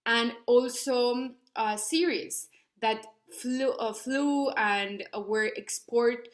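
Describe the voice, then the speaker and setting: A young woman from Ecuador, a student researcher, gives an earnest academic presentation in a slightly high voice at a slow pace. Her delivery includes many fillers and restarts.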